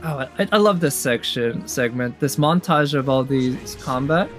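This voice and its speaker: At a measured pace, a medium-pitched man with an animated delivery and fairly bright tone hosts a game trailer tier list. Game trailer music sits behind his casual, enthusiastic, think-aloud reactions.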